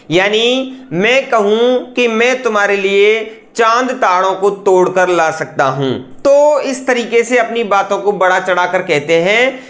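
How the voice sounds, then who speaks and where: A man's voice: sits high, a bit bright, reverberant. A man hosting an online English class, explaining in a chatty way with rhetorical questions and lots of repetition. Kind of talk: explaining lesson.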